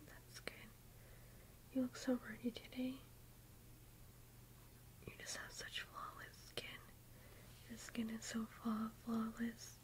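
Whispering young woman, soft and hushed. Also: on the high side, a little hiss or hum, low-quality recording. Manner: soft unvoiced whisper, gushing compliments; rambling with fillers like "like" and "um". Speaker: ASMR YouTuber. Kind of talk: whispered ASMR makeup roleplay.

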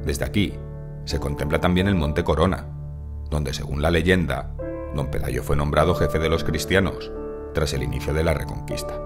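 A man giving calm, measured, scripted narration of a mountain hike, as in a nature documentary. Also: a bass voice. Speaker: hiking vlogger narrating. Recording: voice-over with music behind.

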